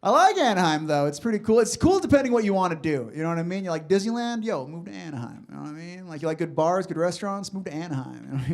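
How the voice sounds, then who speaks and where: A stand-up comedian in his thirties, a man with a noticeably high voice. He delivers deadpan punchlines and talks casually with the crowd between bits. He is from Los Angeles and is performing on a comedy club stage. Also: fast, gravelly, hardly any pauses. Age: 30s.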